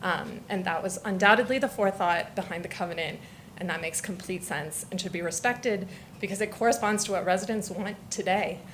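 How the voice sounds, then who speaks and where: A woman's voice: mid-range voice, brisk, fairly bright tone, slight background noise, low-quality recording. A woman speaking at public comment in a council meeting, earnest and firm.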